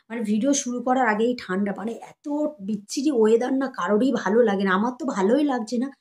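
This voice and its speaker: A young woman chatting casually to her viewers, showing gifts for her baby and keeping her voice soft so the child sleeps. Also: on the high side. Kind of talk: casual chat to camera.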